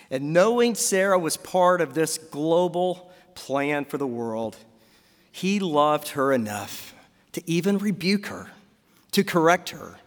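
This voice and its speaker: A man with a high voice preaches a sermon from the pulpit, asking questions of his congregation. His words ring out with the long reverb of a church hall. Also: a bit bright. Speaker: pastor.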